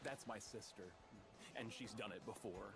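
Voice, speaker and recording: A man's voice: on the low side, normal speed, vocal fry. An American actor playing a grown man who wryly recalls his gifted childhood in precise, erudite, scripted voice-over. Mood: wry, nostalgic. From East Texas, United States. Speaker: narrator. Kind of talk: scripted first-person voice-over narration.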